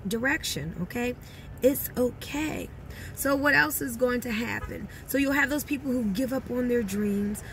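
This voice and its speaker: A woman's voice: on the high side, fairly bright tone, a little hiss or hum. A woman giving a motivational talk as a network marketing coach, speaking directly to her viewers with emphatic encouragement.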